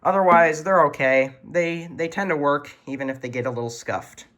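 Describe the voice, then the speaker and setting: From his room at home, a man shares his weather radio collection in a casual show-and-tell, speaking with informal, hobbyist sincerity. His voice is fairly high and a bit bright, with a moderate pace.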